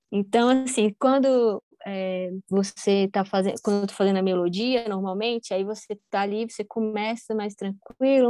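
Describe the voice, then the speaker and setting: A woman's voice: medium pitch, warm tone, no echo. Chatty woman with dry sound. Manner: rambling, many fillers and restarts, laughs often. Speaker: musician guest. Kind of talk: casual conversation.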